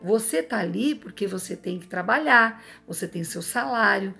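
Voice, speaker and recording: A woman's voice: medium pitch, expressive, normal speed, vocal fry, bright, forceful tone, soft background music. A Brazilian woman with a Brazilian Portuguese accent, speaking earnestly from a hospital and lecturing the audience with many rhetorical asides. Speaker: advice vlogger. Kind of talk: emphatic personal monologue.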